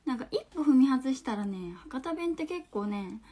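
A young woman in her twenties speaks in a bright, high voice with a Hakata dialect. She chats loosely on a phone livestream, reads out viewer comments, laughs easily, and sometimes sinks into soft, near-whispered asides. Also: lively intonation, normal speed. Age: 20s. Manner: chatty, laughs often, trails into soft murmurs. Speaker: livestream host. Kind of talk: casual livestream chat reading viewer comments.

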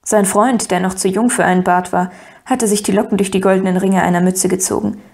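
A woman narrating a first-person audiobook in an even storytelling manner. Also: mid-range voice, a little fast.

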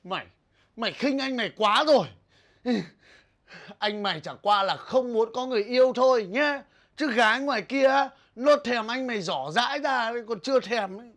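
A man's voice: very high-pitched, normal speed, a bit bright. A young man, acting as a bossy single older brother who scolds and brags in a comedy short film. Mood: grumbling. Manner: grumbling, scolding, boastful.

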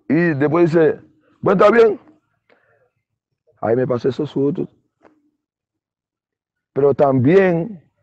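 The former ballplayer, a middle-aged man from the Dominican Republic with a Dominican Spanish accent, is a guest in a casual interview, telling his story and voicing other people's lines. His voice sits on the high side, there's no echo, and the recording is dry, dull and muffled.

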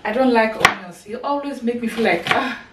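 Slightly quick and on the high side, this woman in her thirties talks casually while cooking in her own kitchen. She keeps up a chatty narration for her cooking vlog as she chops. Her camera mic is set up across the room, leaving the audio echoey, far-off and noisy.

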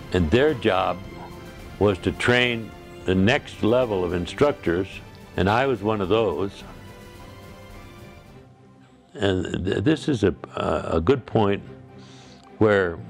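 An older man speaks in a very low voice as he recalls the past in an interview. He talks casually and pauses at times to find his words. Faint music sits beneath him. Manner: conversational, with hesitations. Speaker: interviewee, former ski trooper. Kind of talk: interview recollection.

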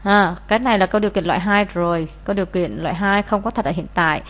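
A woman's voice: medium pitch, fast. A woman, teaching as she explains answers to an English test, with many "à" fillers. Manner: frequent "à" fillers, steady explaining.

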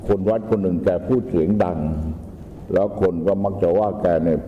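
An older man, a Buddhist monk who is hard of hearing, gives a loud, plain-spoken dharma talk answering questions, with some teasing. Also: deep voice, steady tone, a little fast, in a large hall, phone-quality sound, a little hiss or hum.

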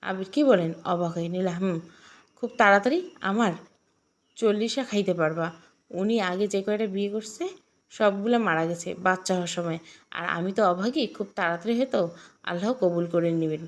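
A woman's voice: medium pitch, moderate pace. A woman reading a romantic audio story aloud, shifting her tone for each character. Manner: reads every role herself, shifting tone for each character.

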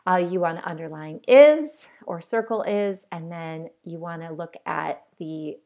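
Lady prof talking through a worksheet, kinda low voice, gravelly, lots of um and uh. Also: a little slow, mellow. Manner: many ums and uhs, explanatory, unscripted. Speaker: college English instructor. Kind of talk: recorded online lecture.

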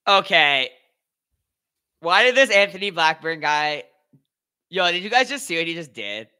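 A man's voice: fairly high pitch, very animated, a little slow, pushed and bright, smooth. A man hosting a live watch-party stream, commenting casually in loose slang and reading out and answering his chat.

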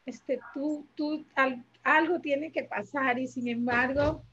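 A woman's voice: sits high, fairly even intonation, slow, fairly bright tone, muffled recording. A woman telling her story as an interview guest, speaking hesitantly, searching for words and repeating herself. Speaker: interview guest, mother of a heart transplant recipient. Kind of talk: emotional personal testimony.

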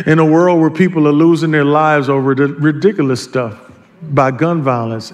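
A man pastor preaching a sermon, leading the congregation in call-and-response and breaking into joking asides. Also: fairly high pitch.

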